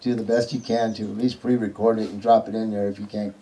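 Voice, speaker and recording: A man's voice: fairly low pitch, flat delivery, fast talker, dark tone, rough recording. A man in his fifties giving a heartfelt, rambling message of support, repeating words as he goes. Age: 50s.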